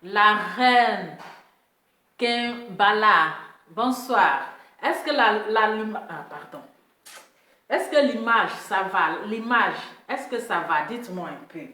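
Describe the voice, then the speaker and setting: A woman chats and teases her live-stream viewers, repeating lines and breaking into laughter. Her voice rings out in a very echoey room, a little off the mic. She talks at a plain middle pitch. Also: lively intonation, slow, pushed and bright, distant mic. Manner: repetitive, teasing, often laughing, addresses viewers directly.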